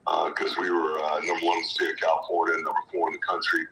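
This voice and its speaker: A man's voice: a bass voice, monotone, fast talker, creaky, pushed and bright. A middle-aged man, a former football player and coach, answering thoughtfully with hesitant restarts over a video call. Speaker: guest, former pro football player and high school football coach. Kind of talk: reflective interview answers. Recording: echoey distant mic with background noise.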